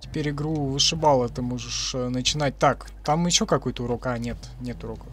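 A man's voice: medium pitch, fairly quick. A man in his twenties giving casual, crude let's-play commentary and swearing often. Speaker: gaming streamer. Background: game music.

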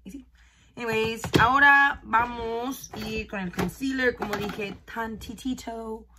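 A beauty vlogger in her 20s chats through a casual get-ready-with-me video in a small bedroom, mixing Spanish and English. She speaks unhurriedly with a steady tone in a voice a little on the high side, with background noise present.

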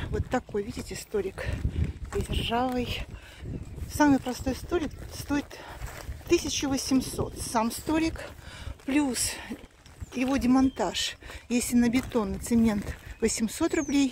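Woman, 50s, chatty vlogger speaking to camera outdoors, phone at arm's length, fairly high voice, noisy outdoor recording. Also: mellow. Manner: chatty, talks straight to viewers, earnest. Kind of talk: casual walking vlog. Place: outdoors, street and cemetery.

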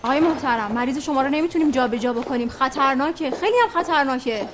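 A woman's voice: high voice, background noise, close to an everyday voice. An actress playing a polite but firm female hospital staffer. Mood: formal. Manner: polite, formal.

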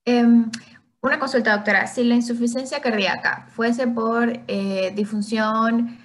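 A woman's voice: on the high side, steady tone, measured pace. A woman student politely asking her lecturer a question in class, a little hesitant.

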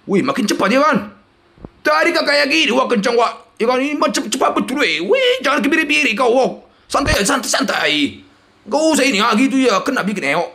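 Shouting excitable man. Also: extremely high pitch, fairly quick, creaky. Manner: loud, shouting and exclaiming, jumpy swings between yelling and muttering. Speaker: slot game streamer. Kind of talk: excited live commentary on a slot game.

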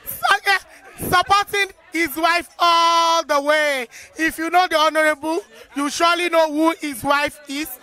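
A Nigerian woman presenting live from a busy event, excited and gushing with praise as she interviews guests. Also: very high-pitched, unhurried. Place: busy salon during a launch event.

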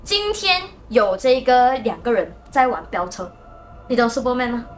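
A woman host, telling a story in a lively, casual way and acting out sounds. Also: a little high, normal speed, soft background music. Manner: animated, acts out sounds and motions.

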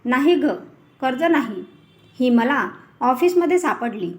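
Lady reading as a nervous honest office guy, hushed and torn, highish voice. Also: lively intonation, unhurried. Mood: worried. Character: struggling honest middle-class male clerk, anxious.

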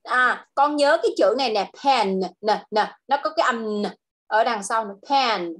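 Vietnamese-accented woman, English tutor on a video call, high bright voice, patient drilling of words. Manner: slow, drawn-out model phrases, switching to Vietnamese explanations. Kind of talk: online English lesson for a child.

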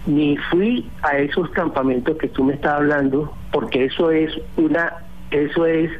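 A man's voice: on the high side, moderate pace. Man from venezuela, phone interview, defensive, tinny phone line.

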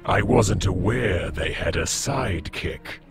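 Demon, male: very low, gravelly, slow and mocking, audio drama. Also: soft background music. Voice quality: deep gravelly voice. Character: hateful, amused male demon, huge and winged.

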